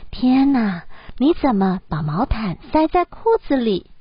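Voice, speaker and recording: Woman voicing a gentle fussy storybook mom, slow and clear-cut, dry slightly dull audio. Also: fairly high pitch, big pitch swings, dry recording, exaggerated voice. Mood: fussing. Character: caring mother in a storybook.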